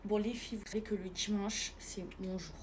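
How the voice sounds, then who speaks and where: A young French woman talking casually to her viewers from bed, often in a hushed voice. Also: mid-range voice, fairly even intonation, a little fast, slight background noise. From France. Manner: chatty, hushed at night, calls viewers "les filles". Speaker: vlogger. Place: bedroom, in bed.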